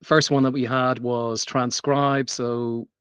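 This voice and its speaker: Slow and level, with a mid-range, slightly bright and clean voice, a man gives an unscripted tech meetup talk full of ums and restarts. There's no room sound, yet the overall recording comes across as dull and lo-fi.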